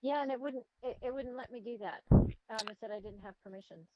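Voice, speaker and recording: A woman's voice: on the high side, fairly quick, no echo. A woman on a video call, speaking hesitantly with many ums and trailing off, heard through the call on a screen recording. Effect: heard over a video call on a screen recording. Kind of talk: casual troubleshooting chat. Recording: dull, muffled call audio.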